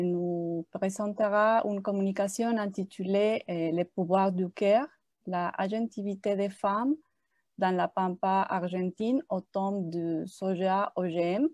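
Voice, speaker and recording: A woman moderator introduces the day's speakers at a slow, halting pace, stopping often to search for words. Her voice is low and mellow, with a dry, close sound from a video call. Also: no room sound. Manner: hesitant, many pauses and fillers. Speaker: seminar moderator.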